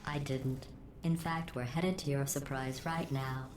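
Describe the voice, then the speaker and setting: Deadpan mocking AI overseer. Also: female voice, extremely low pitch, a little slow. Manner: deadpan, mocking, passive-aggressive. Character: cold sarcastic female AI overseer. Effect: synthetic computer voice processing. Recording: roomy game audio with heavy background noise.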